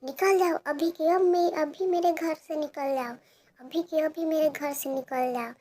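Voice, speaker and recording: A woman voicing a cruel stepmother who scolds and yells in a cartoon story. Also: high voice, steady tone, normal speed, pitched above the performer's own voice, close to an everyday voice. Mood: angry shouting. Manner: yelling, scolding.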